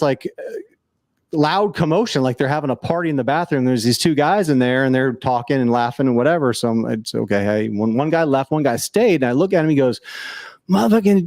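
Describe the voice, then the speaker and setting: A man's voice: mid-range voice, a little mellow, dry recording, clean studio sound. Earnest rambling man telling a story. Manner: rambling, earnest, full of restarts. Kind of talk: casual storytelling conversation.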